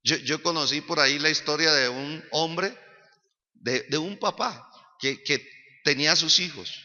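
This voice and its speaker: Animated pastor with high, sharp voice. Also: male voice, unhurried. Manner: animated preaching that builds to shouting. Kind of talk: church sermon. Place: church sanctuary. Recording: reverberant church hall, dull sound.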